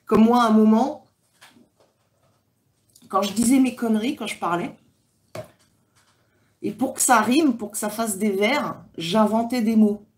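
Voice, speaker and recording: This livestream host is a Frenchwoman chatting loosely with viewers as she reads comments aloud, filling the talk with fillers. Her slightly high, darkish voice moves at a measured pace with long pauses.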